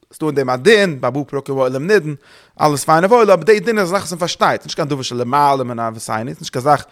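A man's voice: fairly high pitch, animated, fast talker. A man giving a religious study lecture, thinking aloud, searching for words, repeating himself and slipping in English terms.

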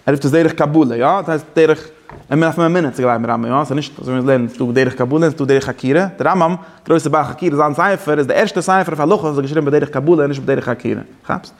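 A man's voice: a little high, rapid-fire. Rambling man teaching Torah. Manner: rambling, self-correcting, mixes in English and Hebrew terms. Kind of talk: Yiddish-style Torah class.

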